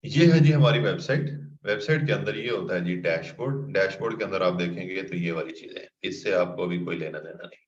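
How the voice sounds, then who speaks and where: A man's voice: low voice, quick pace, few pauses. A man teaching an online class, patiently reading out students' questions and answering them. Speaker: instructor. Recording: muffled lo-fi recording, roomy echo.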